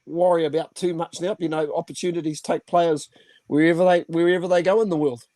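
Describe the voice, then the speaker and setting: A man's voice: fairly high pitch, steady tone, brisk, dark tone, dry recording. A man co-hosting a casual rugby radio chat, curious and teasing. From New Zealand. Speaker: co-host.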